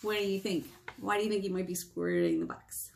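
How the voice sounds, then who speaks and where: A woman in her thirties, a children's librarian, reading picture books aloud in a lively, sing-song way with whispers, recorded close on a webcam in a small room. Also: mid-range voice, fairly quick, slight background noise. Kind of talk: storytime read-aloud for children.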